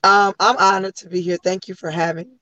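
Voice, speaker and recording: Slightly hoarse American woman, flat delivery. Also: medium pitch, brisk, no echo. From Chicago area, United States. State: a little hoarse. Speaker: guest, motivational speaker and advocate. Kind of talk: conversational interview answers.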